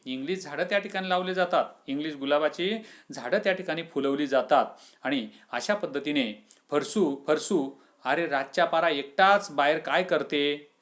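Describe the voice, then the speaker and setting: Man teaching a lesson, slightly high. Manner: reads quoted lines then explains them with questions. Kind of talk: explaining a textbook lesson.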